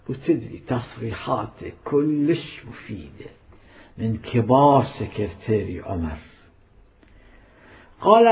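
A man giving a religious lecture, emphatic and repetitive, swinging between loud stress and hushed asides. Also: a little high. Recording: tinny phone-like lo-fi recording.

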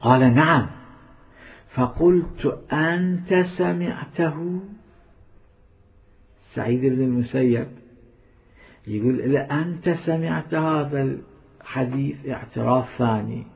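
A man giving a religious lecture, emphatic and repetitive, swinging between loud stress and hushed asides. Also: medium pitch, measured pace, gravelly, long pauses. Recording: tinny phone-like lo-fi recording.

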